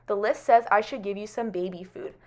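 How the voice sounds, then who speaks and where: A woman's voice: mid-range voice, brisk, lightly acted. A woman voicing a cheerful, literal-minded housekeeper from a storybook who talks in homespun sayings. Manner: homespun sayings, bright and eager.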